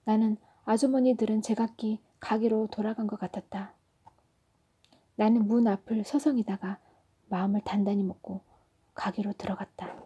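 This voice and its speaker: A woman storyteller reading a children's story aloud in a soft, often whispery narration. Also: medium pitch, steady tone, normal speed, breathy edge.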